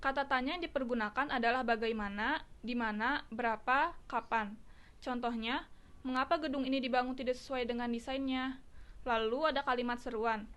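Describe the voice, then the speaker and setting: A woman student reading out a class presentation in a steady, list-like way. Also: fairly high pitch, moderate pace.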